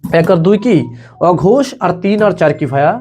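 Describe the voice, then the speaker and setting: A man's voice: high-pitched, animated, darkish tone, a little hiss or hum. A young man teaching a live online admission class, quizzing students and repeating each question and answer. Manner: rapid, repetitive, quizzes students, keeps saying "okay bhaiya".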